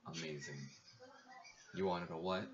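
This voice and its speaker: A man's voice: deep voice, steady tone, measured pace, voice pushed down. A man voicing a surly, foul-mouthed male vampire bartender who brushes people off curtly. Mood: irritated. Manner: curt, swearing, brushes people off. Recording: muffled lo-fi stream audio.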